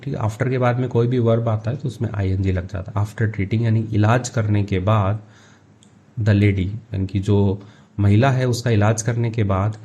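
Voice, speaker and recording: Mellow-voiced man teaching English. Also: on the low side. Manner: reads English phrases slowly, then explains in Hindi. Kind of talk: line-by-line story translation lesson.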